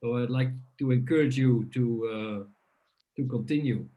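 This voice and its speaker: A committee member congratulating a candidate over a video call, warm and unhurried. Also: male voice, mid-range voice, rough recording.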